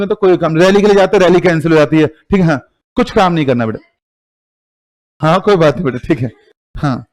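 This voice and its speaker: A man with an Indian accent teaching accounting in a live classroom, teasing and quizzing students with call-and-response questions. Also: high-pitched.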